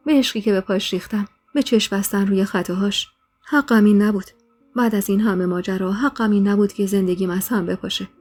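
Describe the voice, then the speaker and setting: A woman's voice: mid-range voice, steady tone, few pauses, a little mellow, breathy edge. A woman narrating a dramatic first-person story in an emotional way, growing heated in the dialogue. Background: faint music.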